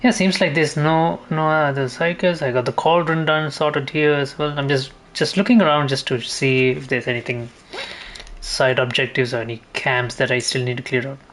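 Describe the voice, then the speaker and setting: A gaming streamer rambles through casual commentary, thinking aloud as he plays, over faint video game ambience and slight background noise. His mid-range voice is fairly bright, with fairly even intonation and a moderate pace.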